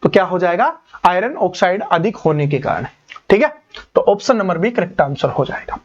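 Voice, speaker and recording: A man's voice: high-pitched, lively intonation, normal speed, a little hiss or hum. A man in his thirties, speaking with a tinge, teaching an exam-prep lesson step by step and asking students questions. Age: 30s. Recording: dull lo-fi recording.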